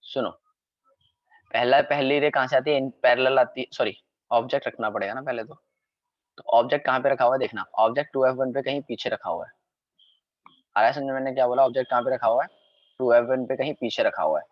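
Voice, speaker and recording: A man explains a science topic in a recorded revision class and keeps asking his students whether they understood. His voice sits at an ordinary pitch. The recording is dry and a little muffled. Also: fairly even intonation, no echo. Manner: repeatedly checks understanding, quick self-corrections. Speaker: science teacher.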